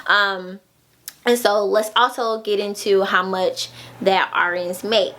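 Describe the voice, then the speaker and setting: A woman's voice: medium pitch, fairly even intonation, slow pace, a bit bright. A woman nurse, talking casually to her viewers in a chatty, folksy way with many fillers. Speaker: nurse vlogger. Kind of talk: casual informational vlog.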